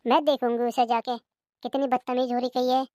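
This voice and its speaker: Brief: woman doing a complaining older cartoon mother-in-law, high-pitched, dry studio read. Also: flat delivery, fairly quick, darkish tone, dry recording, lightly acted. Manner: complaining, sighing lament. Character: grumbling old mother-in-law, fed up with her daughter-in-law. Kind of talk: cartoon comedy dub.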